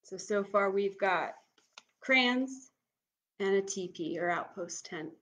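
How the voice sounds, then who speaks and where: A woman's voice: medium pitch, slow, a bit bright. Young woman calling bingo casually. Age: young adult. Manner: bingo caller announcing and repeating each item, instructional. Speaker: bingo caller, camp game host. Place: small room at home, indoors.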